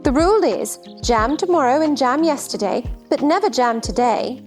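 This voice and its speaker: A woman's voice: sits high, lively intonation, normal speed, darkish tone, soft background music. A woman playing a scatterbrained, helpless queen in a theatrical children's storybook drama, fluttery and fussy. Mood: fussy, insistent. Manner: fluttery, nonsensical insistence, crying out.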